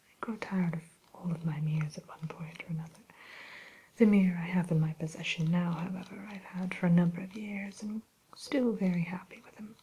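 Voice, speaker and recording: A woman playing a haughty evil fairy-tale queen turned shopkeeper in a breathy ASMR whisper, speaking in a genteel, unhurried way. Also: fairly low pitch, fairly even intonation, warm tone, slight background noise, natural voice, rough recording. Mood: genteel, disdainful. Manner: genteel, aloof, unhurried, hesitant pauses.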